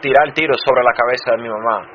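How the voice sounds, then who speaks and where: A man who grew up in Chicago and serves as a pastor, giving a personal testimony in a sermon, halting and restarting often. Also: medium pitch. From Chicago, United States. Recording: dull muffled sound with faint noise.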